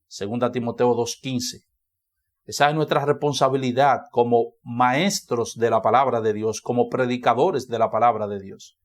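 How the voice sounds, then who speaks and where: A man's voice: mid-range voice, steady tone, normal speed. A man with a Dominican Spanish accent, a pastor preaching a sermon in church, who repeats key phrases for emphasis.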